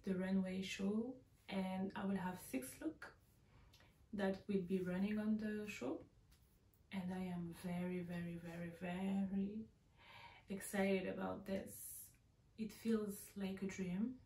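A woman's voice: medium pitch, warm tone, roomy sound. A woman who designs clothes, talking to camera in a casual vlog, earnest and heartfelt, repeating words for emphasis. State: tired. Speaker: fashion designer vlogger.

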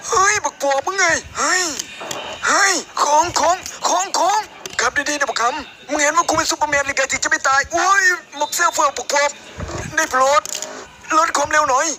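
A man's voice: very high voice, a little fast, noisy background. A man voicing a foul-mouthed, cranky old grandmother in a comedy role-play. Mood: panicked, cursing. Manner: cursing, grumbling, yelling in alarm.

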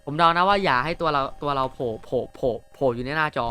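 A man giving casual, excitable commentary while streaming a game, swearing freely and talking to himself. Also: fairly high pitch, quick pace, clear, resonant tone, soft background music.

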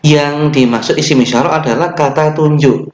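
In an echoey room, a young Indonesian-accented man teaches children online, patiently and slowly, using fillers and fixing small slips. His pitch is fairly high and his intonation fairly even, and he chants the opening prayer.

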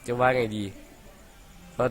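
A young man from Thailand giving casual, profane let's-play commentary, chattering and laughing as he plays. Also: slow. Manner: rowdy and profane, laughs a lot, playful chatter. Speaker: gaming commentator.

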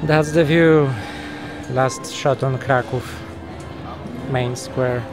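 A man's voice: mid-range voice, steady tone, drawn-out words. Chatty man vlogging outdoors, music behind. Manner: chatty, joking, easily impressed. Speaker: travel vlogger. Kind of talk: casual vlog commentary. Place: outdoors in a city market and old town. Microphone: small handheld camera mic.

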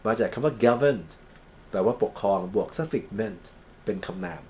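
A Thai man lecturing on English grammar and legal vocabulary, reading English examples slowly and then explaining them quickly. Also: fairly low pitch, expressive, warm tone.

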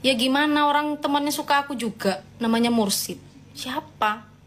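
A woman with a fairly high voice chats casually on a live stream, reading out comments and answering her followers. She is playful and teasing, then gently scolds in a motherly way. A faint hiss sits under her voice. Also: moderate pace.

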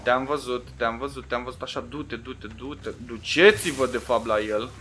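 A man with a Romanian accent commentating his own video game play in a loose, casual way, taunting the other players, swearing and shouting when things go wrong. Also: medium pitch, slight background noise.

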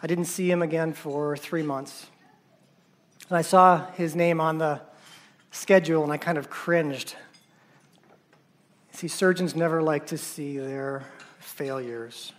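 Halting, soft-spoken surgeon telling a story. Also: male voice, a little high, fairly even intonation. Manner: halting, repeats words, voice drops soft at painful moments. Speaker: surgeon and conference speaker. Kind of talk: personal storytelling talk.

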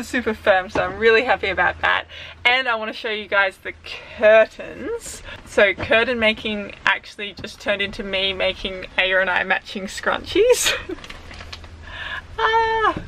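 A woman's voice: medium pitch, lively intonation, measured pace, pushed and bright, slight background noise, rough recording. A woman hosting a casual vlog, chatting to camera inside a parked bus being converted and laughing often. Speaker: vlogger and host.

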